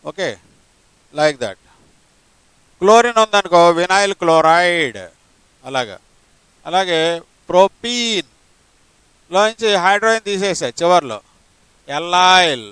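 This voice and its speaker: A man's voice: high voice, lively intonation, slow pace, pauses often, fairly bright tone, smooth, no echo, low-quality recording. A male chemistry teacher, lecturing a class step by step and asking rhetorical questions. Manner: mixes English terms into his talk.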